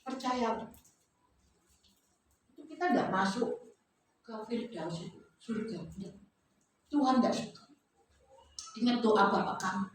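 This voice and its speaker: A woman preacher with a slightly high voice talks her congregation through a sermon in a lively, chatty way, checking in with little tag questions. She is recorded from a distance in a very echoey church hall, with steady noise underneath. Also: slow pace, long pauses. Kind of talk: conversational sermon. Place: church service.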